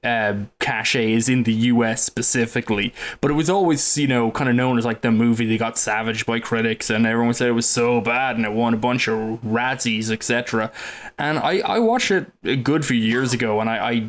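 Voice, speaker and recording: A man's voice: mid-range voice, brisk. A man co-hosting a casual film podcast, dry and wry, hesitating often with fillers. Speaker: podcast co-host.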